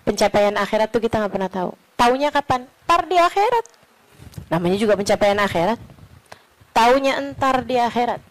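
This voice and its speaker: A woman preaching in an expressive style, dropping to a hush and swelling to emphatic peaks. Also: on the high side, poor audio. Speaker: Islamic preacher. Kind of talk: sermon.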